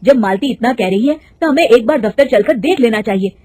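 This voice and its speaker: A woman voicing a calm, sensible young husband in a cartoon story, reasoning in a measured way. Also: fairly high pitch, dry recording. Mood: reasonable.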